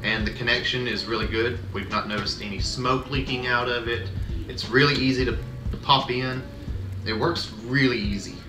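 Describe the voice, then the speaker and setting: A man's voice: mid-range voice, steady tone, moderate pace. A man chatting casually as he co-reviews a product. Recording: distant mic, roomy echo, music behind. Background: music.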